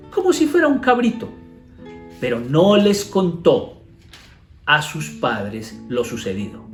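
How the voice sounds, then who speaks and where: Colombian pastor teaching, echoey room. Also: male voice, a little high. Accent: Colombian Spanish. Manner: reads the passage then explains it with rhetorical questions. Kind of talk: Bible teaching, reading scripture aloud. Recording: echoey room with soft guitar music behind.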